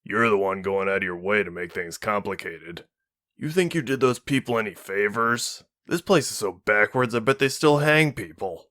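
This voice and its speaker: A man's voice: lowish voice, lively intonation, moderate pace, a bit bright, no echo, studio quality. A man voicing a surly mercenary pilot. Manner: grumbling, scornful.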